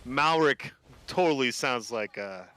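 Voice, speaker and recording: A man's voice: mid-range voice, lively intonation, unhurried, sharp tone. A man hosting a live gaming stream, chatting casually and joking. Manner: joking, laid-back. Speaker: streamer host. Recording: game music behind.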